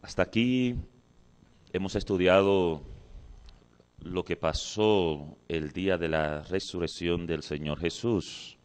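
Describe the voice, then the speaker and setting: A man's voice: low-pitched, slow pace. A Mexican man preaching in a church, praying first and then reading scripture aloud and asking the congregation questions. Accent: Mexican Spanish. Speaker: pastor. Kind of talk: sermon with opening prayer.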